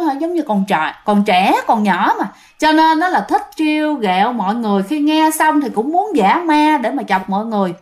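A woman, casually telling ghost stories and talking directly to her listeners. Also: fairly high pitch. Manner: chatty, addresses listeners directly. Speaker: storyteller. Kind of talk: casual ghost-story narration.

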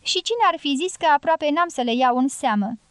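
A woman reading an audiobook, voicing a loud, blunt, domineering middle-aged guerrilla woman in a raised, forceful voice. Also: sits high, lively intonation, dry recording. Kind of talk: audiobook character voice.

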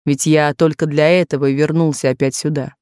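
A woman voicing an insistent, possessive wealthy man courting a young maid, in a lowered, slow, pressing voice in a dry studio recording. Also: fairly even intonation, darkish tone, clear, resonant tone, no echo, close to an everyday voice.

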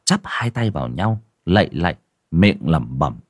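A man's voice: low voice, big pitch swings, measured pace, no echo, clean studio sound. A man narrating an audio horror story in a dramatic, lurid storytelling manner.

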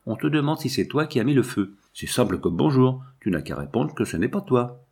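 A man's voice: mid-range voice, sing-song, fairly quick, darkish tone, husky. A man reading aloud and voicing a blunt, outspoken old farm servant woman who scolds. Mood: scolding. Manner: brusque, scolding.

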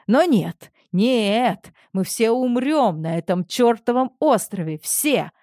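A man's voice: expressive, slow pace, darkish tone, no echo, clean studio sound, full character voice. A woman voicing a hysterical, pompous middle-aged male producer who rants shrilly. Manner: shrill, panicky, ranting.

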